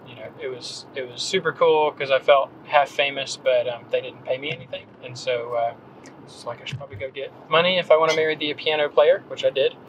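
Speaking briskly in a mid-range voice, a North Carolina man in his thirties talks as a guest in a relaxed podcast interview. His speech wanders and stalls, with many ums and restarts. Slight background noise marks the low-quality recording.

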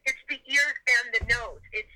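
A woman caller heard over a phone on speaker, talking in an excited, rushed and spooked way. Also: a little high, crowd noise, low-quality recording. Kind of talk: casual phone call.

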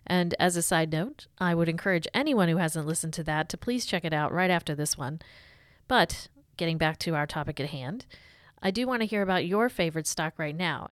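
A woman's voice: lowish voice, expressive, brisk, dry recording, clean studio sound. A woman reading scripted podcast narration and hosting interviews as the presenter. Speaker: podcast host.

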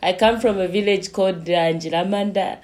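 A woman from Zambia, a lodge manager, talking slowly with many pauses as a guest in a remote interview. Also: medium pitch, steady tone, darkish tone. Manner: slow, unhurried, with frequent pauses.

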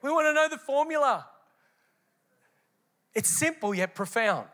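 A man preaching a sermon in a high, bright voice. He is emphatic and builds rhythm by repeating his phrases. The tone is forceful throughout. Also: expressive, measured pace. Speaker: pastor.

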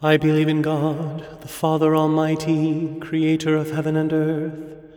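A man leading morning prayer, reciting the liturgy in a solemn, measured and partly intoned way. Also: fairly high pitch, monotone, darkish tone. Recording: echoey church-like hall, long reverb, music.

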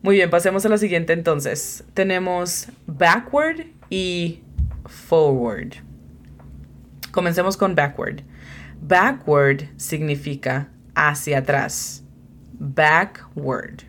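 A woman's voice: lowish voice, expressive, slow, a bit bright, a little hiss or hum. A woman hosting a beginner English lesson, patiently explaining vocabulary, spelling words out and encouraging her student. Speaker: language teacher and host. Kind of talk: bilingual English lesson podcast.

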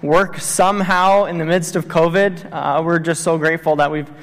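His voice pitched fairly high and fairly bright, a Tanzanian-raised man in his thirties presents a missions talk at church at a normal speed and in a level tone. The sanctuary's long reverb rings around his earnest delivery, which is full of fillers like um and uh.

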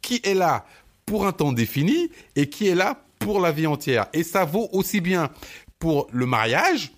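A man co-hosting a podcast in casual chat, animated and slangy, often stammering on repeated words. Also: fairly high pitch, measured pace. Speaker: podcast co-host.

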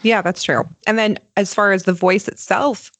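A woman's voice: medium pitch, fairly even intonation, moderate pace, fairly bright tone, no echo. A woman asking questions in a casual interview.

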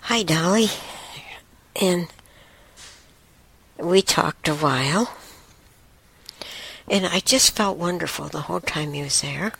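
A woman hosting a talk show, telling a spiritual story in a rambling way, with soft whispered asides. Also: sits low, takes it slowly, creaky, pauses often, breathy edge, no echo. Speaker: show host.

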